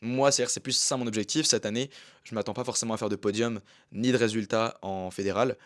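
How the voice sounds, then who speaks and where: A man's voice: fairly low pitch, fairly even intonation, fast, no echo, clean studio sound. A young man in casual chat about his gymnastics training, talking in a slangy, rambling way with many fillers. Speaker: vlogger and amateur gymnast.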